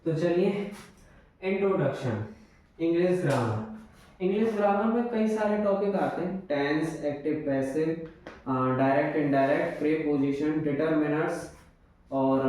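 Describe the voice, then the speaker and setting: Slow-talking male teacher in an echoey room. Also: fairly high pitch, darkish tone, recorded from a distance, a little hiss or hum. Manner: slow, explanatory, repeats examples. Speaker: English grammar teacher. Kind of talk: classroom lesson in Hindi.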